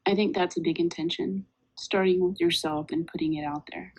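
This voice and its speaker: A woman's voice: fairly low pitch, fairly even intonation, a little fast, darkish tone, husky, poor audio. A woman co-hosting a casual spiritual podcast, talking in a reflective, meandering way, a little lispy from a retainer. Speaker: podcast co-host.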